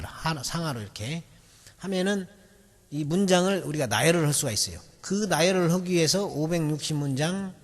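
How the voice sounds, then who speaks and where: A man teaching in a recorded video lecture, explaining patiently and repeating and stretching out key words. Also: a little high. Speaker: English memory-method teacher. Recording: long reverb of a hall.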